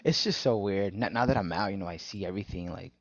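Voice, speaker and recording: A man with a lowish voice tells lively stories, swinging into high excited bursts and sprinkling in "bro." His voice is close and dry, with a slightly dull, muffled recording. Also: quick pace, no echo. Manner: animated storyteller, says "bro" a lot. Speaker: former church member, co-host. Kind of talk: casual podcast chat.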